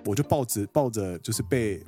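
A Taiwanese man in his thirties with a Taiwanese Mandarin accent, co-hosting a podcast and telling an animated story in casual chat. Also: lowish voice, moderate pace, faint music behind. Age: 30s. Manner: animated, quotes people and acts out dialogue. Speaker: podcast co-host.

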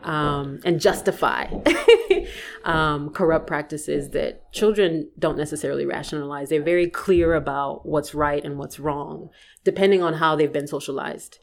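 Low-voiced liberian woman, author guest on an interview, articulate and lively, laughs easy. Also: moderate pace, gravelly. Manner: articulate, animated, laughs readily. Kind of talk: conversational interview answers.

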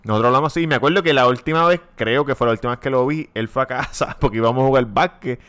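A man's voice: medium pitch, racing, clear, resonant tone. A man with a Puerto Rican accent, co-hosting a podcast and telling stories in casual chat, acting out the voices of the people he quotes. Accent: Puerto Rican Spanish. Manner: animated storytelling, acts out quoted voices, laughs often. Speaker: podcast co-host.

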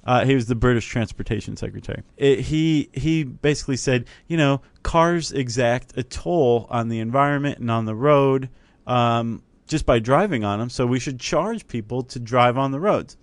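A man's voice: mid-range voice, normal speed, dry recording. A man co-hosting a podcast in casual chat, explaining ideas in a talkative, thinking-aloud way. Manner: explanatory, chatty, many fillers and restarts. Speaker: podcast co-host.

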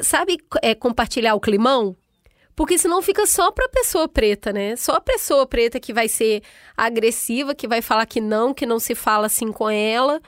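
A woman's voice: fairly high pitch, dry recording, studio quality. A woman in a casual discussion who speaks in a reflective, careful way and lays out her thoughts step by step. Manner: reflective, careful, invites correction. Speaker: discussion panelist.

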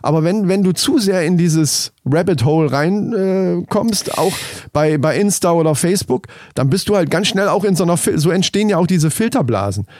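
A man's voice: high voice, expressive, normal speed, a little mellow. A man talking in casual podcast chat, rambling, restarting sentences and swearing now and then.

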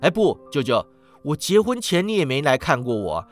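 A man's voice: on the high side, sing-song, normal speed, faint music behind. A man voicing a cheerful young nephew who pleads in an earnest way.

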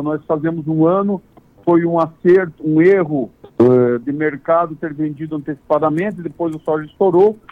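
A man from Santa Catarina, speaking over a landline phone as a farm association president in an interview, plain-spoken with halting restarts. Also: high-pitched. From Santa Catarina, Brazil. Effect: over a landline phone line. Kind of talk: phone interview, casual explanation. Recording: tinny dry phone line.

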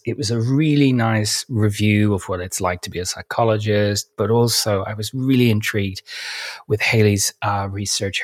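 A man with a throaty, slightly croaky voice, chatting casually as a podcast co-host. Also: on the low side, no echo. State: throaty voice since waking.

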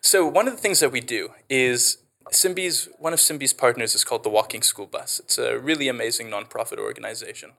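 A man's voice: medium pitch, brisk, gravelly, few pauses, pushed and bright. A man with a Canadian South African accent, an edtech founder explaining his work in a podcast interview with eager, fluent enthusiasm.

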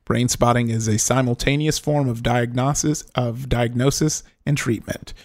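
A man with a gravelly voice reads a definition aloud in a steady, measured way. The sound is dry and close, with no room echo. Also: mid-range voice.

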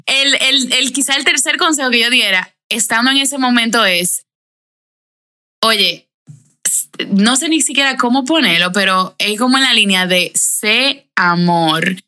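Bright earnest woman. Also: a little high, a little slow. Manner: reflective, earnest, talks in repeated phrases with restarts. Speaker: podcast guest. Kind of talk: video call conversation. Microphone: video call.

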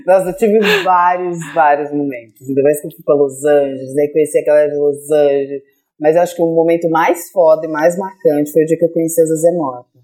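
A woman's voice: low-pitched, fairly even intonation, fairly quick, warm tone. A young adult woman from Brazil, a guest actress on a casual podcast, telling a story with laughter and acted-out quoted lines.

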